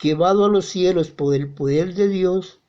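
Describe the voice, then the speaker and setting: A lector with a Guatemalan accent reading scripture at mass in a slow, measured way. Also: medium pitch, dark tone. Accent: Guatemalan Spanish. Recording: dull muffled sound.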